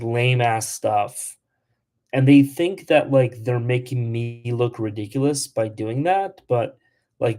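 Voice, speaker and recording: This travel livestream host is a young Polish man whose mid-range voice carries a dark tone. Chatting through viewer comments in a casual stream, he leans heavily on "like," tosses in blunt asides, and doesn't hold back with trolls.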